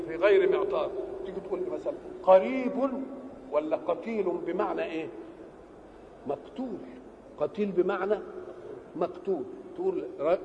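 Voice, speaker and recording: An older man with an Egyptian accent explaining a Quran verse, asking rhetorical questions and answering them himself. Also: background noise. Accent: Egyptian Arabic. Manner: uneven loudness, often dropping low. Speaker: religious scholar. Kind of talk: Quranic exegesis lesson. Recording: old lo-fi hall recording with echo.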